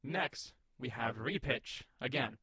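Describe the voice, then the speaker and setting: A man's voice: mid-range voice, expressive, slow, bright, forceful tone, breathy edge, no room sound, studio quality. A man giving a casual step-by-step tutorial on voice effects, explaining settings plainly with fillers and restarts.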